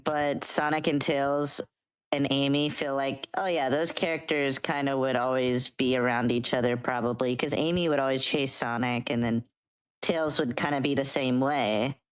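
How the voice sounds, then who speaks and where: Very low, clear-voiced young woman. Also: fairly even intonation, normal speed. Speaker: co-streamer. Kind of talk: casual discussion.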